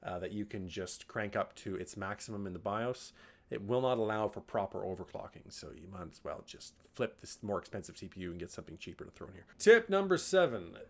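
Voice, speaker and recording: A man hosts a tech video, explaining hardware tips in a casual, joking way with occasional swearing, his lowish voice moving at a brisk clip. He gets louder with lively bursts at each new tip heading. It's recorded indoors on a camera mic as he holds up parts.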